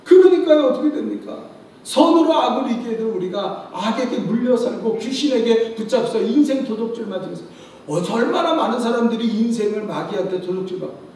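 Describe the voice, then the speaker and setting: A man's voice: extremely high pitch, expressive, brisk, a little mellow, a little hiss or hum. A male pastor preaching a sermon, telling stories emphatically and often prompting the congregation for a response. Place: church sanctuary. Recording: very echoey church hall, distant mic.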